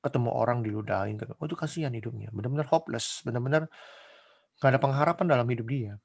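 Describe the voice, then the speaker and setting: A man delivers a casual, conversational sermon. His mid-pitched voice has a gravelly edge, and he peppers the talk with rhetorical questions and lively acted-out quotes. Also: very fast. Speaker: preacher.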